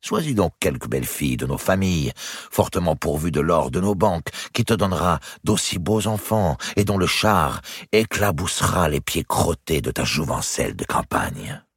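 A man's voice: sits low, animated, normal speed, slightly rough, no room sound, pitched above the performer's own voice, heavily acted. A man doing a cynical old banker. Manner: dry, cynical, amused. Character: wry older male banker uncle.

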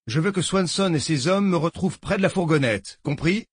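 A man's voice: a little high, expressive, brisk, breathy edge, dry recording, clean studio sound, voice pushed up. A man voicing a curt, commanding male federal agent giving clipped orders over the radio.

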